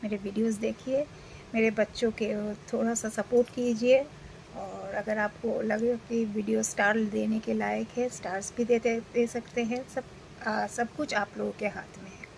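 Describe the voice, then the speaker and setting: Female vlogger, 40s, from India, unwell; relaxed rambling delivery with fillers over faint room noise. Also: on the high side, measured pace, vocal fry, low-quality recording. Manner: rambling, with many fillers and restarts. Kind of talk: casual talk to camera.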